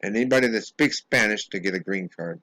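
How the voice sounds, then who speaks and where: An American man speaking a home video monologue in an indignant, insistent way, halting often and repeating words as he restarts his sentences. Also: on the low side, bright, forceful tone, dry recording, poor audio. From United States. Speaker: vlogger. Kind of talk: angry monologue to camera.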